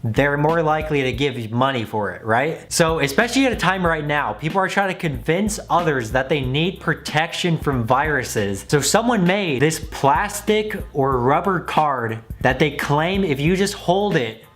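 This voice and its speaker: A man's voice: fairly high pitch, lively intonation, normal speed, hardly any pauses, fairly bright tone. A man giving casual, joking commentary as a video host, critical and mocking in manner. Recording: music playing behind the voice. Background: background music.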